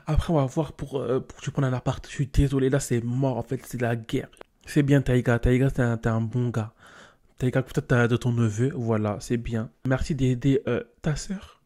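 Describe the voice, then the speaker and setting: Casting: young male gaming YouTuber, mellow warm tone, lively and scolding. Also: medium pitch, moderate pace. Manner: animated, scolding his game characters with slang. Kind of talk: casual game commentary.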